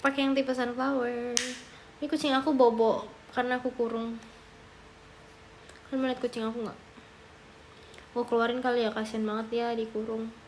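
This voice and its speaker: A woman's voice: a little high, level tone, moderate pace, pauses often, a little mellow, slight background noise. A young Indonesian woman livestreaming from her phone, chatting casually with viewers and cooing baby talk at her cat. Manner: coos and baby-talks to her cat, reads chat aloud. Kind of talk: casual live stream chat.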